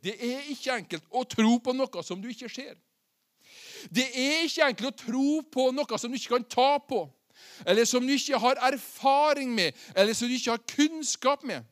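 Male preacher, sermon, very high-pitched voice, asks the listeners questions. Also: animated, fairly bright tone. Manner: asks the listeners questions and acts out the quoted words.

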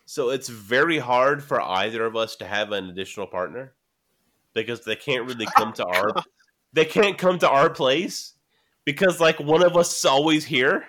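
A man's voice: medium pitch, animated, normal speed, a bit bright. A man in his late twenties on a casual podcast, a bit drunk and rambling, laughing often. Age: 20s. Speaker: podcast co-host. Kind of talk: casual chat.

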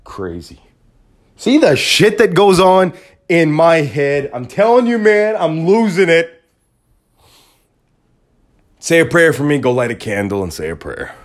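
A man hosting a podcast, talking in a rambling, joking casual monologue with big swings in pitch. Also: very animated, measured pace, pauses often. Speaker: podcast host.

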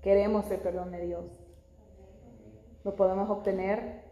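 A woman's voice: mid-range voice, flat delivery, unhurried, warm tone. A middle-aged woman preaching a sermon, punctuating her phrases with "glory to the Lord" and rising to fervent emphasis. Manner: repeats "gloria al Señor" between phrases, rising to fervent emphasis. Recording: echoey hall, long reverb.

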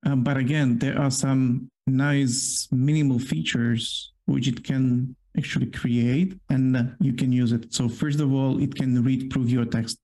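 Speaking a little slowly with hardly any pauses, this Polish-accented man has a medium-pitched, dark voice and fairly even intonation. As co-host of a casual work-themed podcast, he explains things at length, leaning heavily on fillers, and English isn't his first language.

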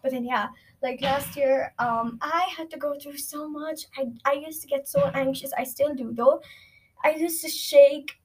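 A woman's voice: high-pitched, fairly even intonation, a little slow, a little mellow. A teenage girl talking casually into a recording, rambling and reflective with lots of fillers. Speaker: student.

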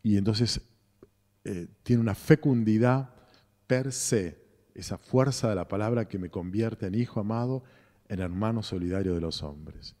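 A man, a parish priest with a Rioplatense Argentine accent, gives a slow, reflective homily with repeated phrases and pauses. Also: on the low side, mellow. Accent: Rioplatense Spanish. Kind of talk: sermon. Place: cathedral. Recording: long church reverb.

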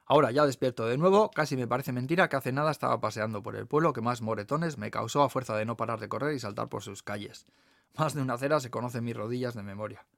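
A man's voice: mid-range voice, fast talker, gravelly, no room sound, clean studio sound. A man from the Basque Country with a Peninsular Spanish accent, reading his own memoir aloud with wry asides. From Basque Country, Spain. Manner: warm storytelling, wry asides. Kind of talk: audiobook narration of a memoir.

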